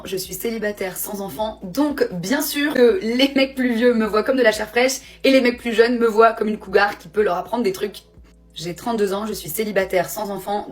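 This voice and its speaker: Playful woman in her thirties. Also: mid-range voice. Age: 30s. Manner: playful, repeats a refrain, laughs often. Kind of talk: casual monologue to camera.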